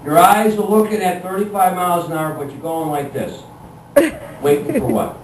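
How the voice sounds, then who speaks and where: A middle-aged stand-up comedian with a voice that sits high tells a story live to an audience. His delivery is conversational and halting, exasperated and self-deprecating. Recorded from a distant mic in an echoey room, with clear background noise.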